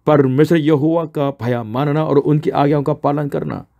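A man's voice: fairly high pitch, steady tone, normal speed, gravelly, mellow. A man preaching a sermon in an earnest, explaining way, asking questions and answering them himself.

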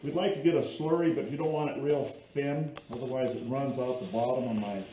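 A man's voice: mid-range voice, steady tone, a little fast, warm tone. A middle-aged man hosting a casual how-to vlog, joking and rambling while he works in a cluttered garage workshop, filmed from a camera set back from him. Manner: joking, rambling, chatty asides while working. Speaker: fishing video host. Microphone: far camera on a tripod. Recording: echoey garage with faint hum.

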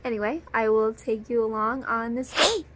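A woman vlogger with a hoarse voice, chatting casually and rambling, with lots of ums and trailing thoughts. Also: on the high side, normal speed, loud music behind the voice. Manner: chatty and rambling, with frequent fillers. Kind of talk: casual vlog chat.

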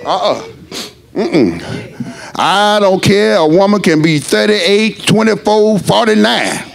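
A middle-aged man preaching a sermon as pastor, rising into shouts and stretching his words. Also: high-pitched, expressive, slow pace, creaky.

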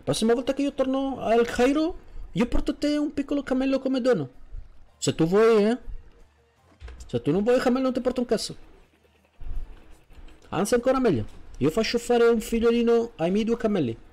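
A jokey, flattering Egyptian man from Cairo, as a male streamer puts him on in a game role-play. His voice sits high and swings widely in pitch. He talks in broken, simplified phrases, repeating words to make his point. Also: normal speed, long pauses, soft background music. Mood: cheerful. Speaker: streamer role-playing a character.

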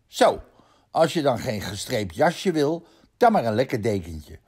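A man's voice: medium pitch, very animated, unhurried, darkish tone, slightly rough. A man voicing a caring mother dog in a read-aloud children's storybook, coaxing and motherly. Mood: soothing.

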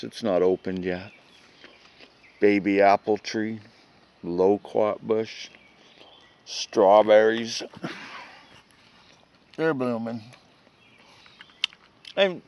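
Slow-talking man touring his garden. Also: fairly low pitch, darkish tone. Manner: unhurried, pointing out plants with short remarks. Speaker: gardener showing his food forest. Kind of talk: casual walkaround narration. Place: outdoors in a garden.

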